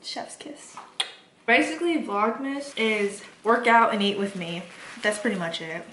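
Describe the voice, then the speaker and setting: A woman's voice: mid-range voice, lively intonation, normal speed, fairly bright tone, roomy sound, a little hiss or hum. A young woman vlogger telling childhood stories in a chatty, laid-back way while she eats. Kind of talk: casual storytelling while eating.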